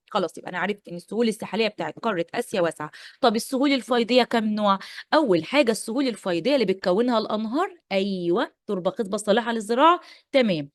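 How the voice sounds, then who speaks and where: A woman's voice: mid-range voice, no room sound, clean studio sound. A woman teacher with an Egyptian accent giving an exam-prep lesson, playful, repeating points and quizzing her pupils. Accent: Egyptian Arabic.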